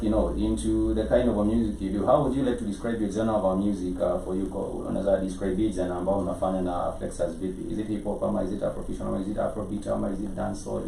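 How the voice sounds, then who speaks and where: A man's voice: low voice, creaky, warm tone. A man with a Kenyan accent hosting a conversational music interview, wordy and often repeating himself as he mixes English and Swahili. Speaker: interviewer, show host. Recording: roomy, distant mic with faint noise.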